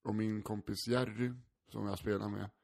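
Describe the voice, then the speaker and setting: Give me a laughing, animated male storyteller. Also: on the low side, vocal fry. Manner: animated, acts out voices in anecdotes, swears freely; laughs often while talking. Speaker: stand-up comedian, podcast co-host. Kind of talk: casual storytelling chat.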